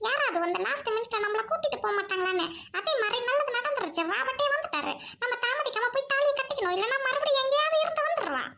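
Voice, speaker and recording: A woman's voice: extremely high pitch, animated, quick pace, few pauses, sharp tone, heavily acted. A woman voicing an anxious young bride in an amateur audio drama, pleading and tearful in turns. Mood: relieved. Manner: pleading, then giggly and tearful.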